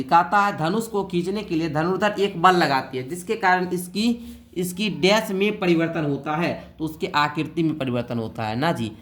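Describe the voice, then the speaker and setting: A male teacher with a somewhat high voice explains a school science lesson. He reads each question out, then talks it through in a coaxing way, checking on his pupils again and again. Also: a bit bright. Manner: coaxing, keeps asking the pupils "theek hai?". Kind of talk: classroom-style exam answer lesson.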